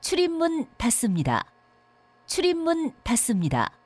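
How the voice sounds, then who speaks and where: A woman's voice: high-pitched, huge pitch swings, a little slow, over music. A woman giving a polite, formal recorded train announcement. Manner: polite, formal, evenly paced.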